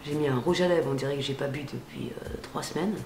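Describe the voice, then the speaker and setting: A woman's voice: sits low, quick pace, gravelly, roomy sound, background noise. A woman chatting casually while demonstrating how she dyes her hair, slangy and full of fillers. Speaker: beauty vlogger. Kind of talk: casual hair-dye tutorial chat. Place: home at night.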